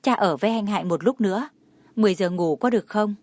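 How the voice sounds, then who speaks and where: Woman as a reserved father, calm, clipped, mid pitch, dry sound. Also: fast, no room sound, natural voice. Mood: cool. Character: reserved father, cool and curt.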